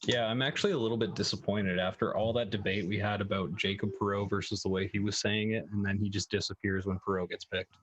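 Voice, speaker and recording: A man's voice: fairly low pitch, steady tone, fast talker, few pauses, highs cut off. A man co-hosting a live draft stream, casual, blunt and joking. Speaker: draft analyst co-host. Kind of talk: live draft commentary chat.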